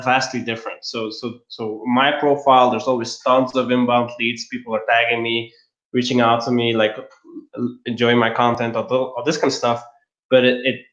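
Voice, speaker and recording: A man from Belgium with a medium-pitched, somewhat bright voice talks as an interview guest. He's a LinkedIn marketer explaining matters casually and in steps, recorded over a roomy, slightly dull online call.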